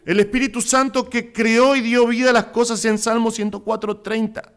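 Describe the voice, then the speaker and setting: A male pastor with a Rioplatense Spanish accent, preaching an impassioned sermon that swings between loud exclamations and hushed asides. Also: extremely high pitch, little pitch movement, moderate pace, clean tone. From Argentina.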